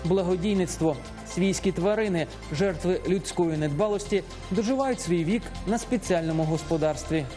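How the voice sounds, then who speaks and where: A male correspondent with a high voice narrates a news report in a steady, clear way. Faint music runs underneath. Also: moderate pace.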